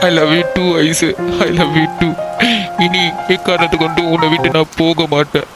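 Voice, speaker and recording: A man's voice: on the high side, level tone, measured pace, lightly acted, rough recording. A man voicing a devoted young man in a cartoon love story, earnest and reassuring. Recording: loud background music over dialogue.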